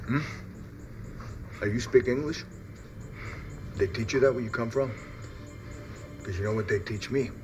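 A man's voice: mid-range voice, a little slow, pauses often, lightly acted, poor audio. An actor playing a tough cop in his forties in a film, terse, sardonic and menacing. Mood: sardonic menace. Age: 40s. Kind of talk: film acting. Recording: loud film music behind.

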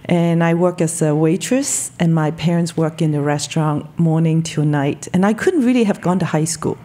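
A Hong Kong woman in her fifties, a telecom marketing director, is a guest in a podcast studio, speaking into a studio mic on a boom arm. Her voice sits low and warm at normal speed. She talks earnestly and enthusiastically in the interview conversation.

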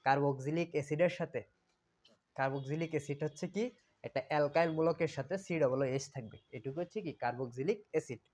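A man's voice: fairly high pitch, fast, darkish tone. Man teaching chemistry, answering his own questions. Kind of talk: classroom lecture.

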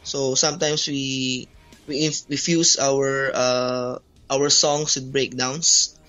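Over dull, lo-fi call audio with music behind him, a band bassist from the Philippines answers interview questions hesitantly. A native Tagalog speaker with a Filipino accent, he talks slowly in a level, sharp medium-pitched voice.

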